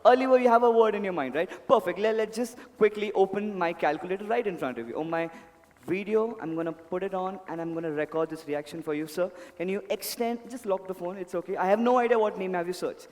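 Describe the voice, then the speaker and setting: A man's voice: high-pitched, quick pace, a little mellow. A man performing as a stage mentalist, talking to volunteers in a polite showman's patter. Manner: showman, polite, addresses volunteers with repeated pleas. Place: indoor event hall, on stage. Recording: echoey hall PA, music behind.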